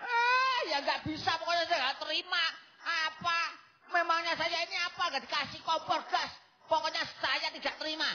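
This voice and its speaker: A man voicing an indignant, hot-tempered poor village man in a live puppet comedy, shouting his complaints in a whiny tone with a Javanese accent. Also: very high voice, steady tone, moderate pace, a little hiss or hum, full character voice. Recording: slightly dull live stage recording, crowd. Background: audience crowd.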